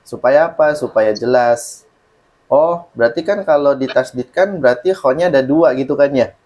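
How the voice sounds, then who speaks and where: A man's voice: medium pitch, moderate pace, a little mellow. A man teaching Quran recitation in an online lesson, patiently explaining rules and reciting examples, often checking that the student understands.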